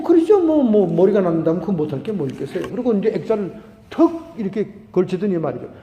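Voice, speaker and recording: A middle-aged male pastor preaching a sermon, telling a story and acting out the people in it with animated voices. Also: sits high. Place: church sanctuary. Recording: echoey hall reverb.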